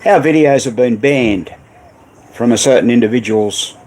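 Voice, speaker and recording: This Australian man's medium-pitched, somewhat dark voice runs at a normal pace over a rough recording. He's casually hosting a livestream on repairing old pinball machines, rambling with plenty of fillers and reading out what viewers send in.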